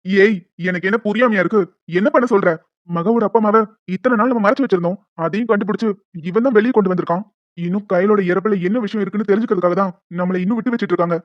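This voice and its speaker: A woman voicing a scheming middle-aged man in a cartoon, talking in a gruff, conspiratorial way. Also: mid-range voice, very fast, no echo, voice pushed down, close to an everyday voice. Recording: dull lo-fi, dry.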